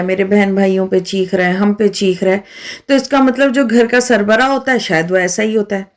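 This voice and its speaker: A woman vlog host from Pakistan, talking earnestly to her viewers and asking rhetorical questions as she explains her views. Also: fairly high pitch. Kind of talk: casual talk to camera.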